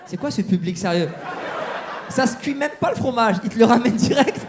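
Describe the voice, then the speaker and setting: A man's voice: extremely high pitch, expressive, a little fast, noisy background. A man doing stand-up crowd work on a comedy club stage, teasing the audience with mock-outraged banter. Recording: live show with crowd laughter.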